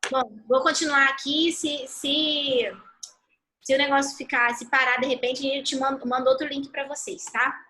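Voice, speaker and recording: High-voiced Brazilian woman teaching on a call. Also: moderate pace, a little hiss or hum, rough recording. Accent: Brazilian Portuguese. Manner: animated, chatty storytelling. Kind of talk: live online talk. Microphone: video call.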